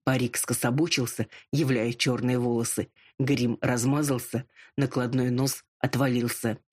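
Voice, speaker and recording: An audiobook narrator reading a first-person story in an even, measured manner. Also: mid-range voice, breathy edge.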